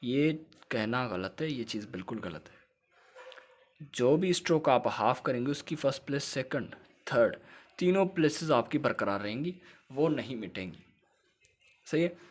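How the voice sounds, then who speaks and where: A man's voice: medium pitch, expressive, measured pace, pauses often. Guy with teaching shorthand, patient, repeats stuff and keeps checking you got it. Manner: explains patiently, repeats points and checks understanding. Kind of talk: recorded lecture.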